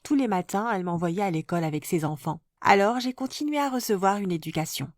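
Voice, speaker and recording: A woman of middle pitch tells a first-person story in a steady, scripted narration. Her voice is close to the mic and completely dry, with no room around it. The delivery stays even and measured, like a storybook reading. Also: no room sound. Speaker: narrator of an animated life story.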